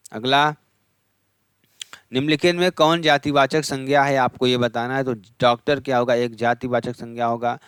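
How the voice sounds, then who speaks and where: In a dry recording, a man with a smooth, medium-pitched voice runs an exam revision class as a Hindi exam-prep teacher. He reads lists at speed and quizzes the class, answering his own questions and going over the answers again.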